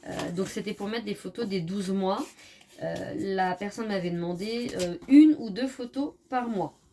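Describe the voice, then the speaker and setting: A woman chatting casually through a craft tutorial, often correcting herself and filling pauses as she works. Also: mid-range voice, dark tone, a little hiss or hum. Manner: chatty, self-correcting, many fillers. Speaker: scrapbooking crafter.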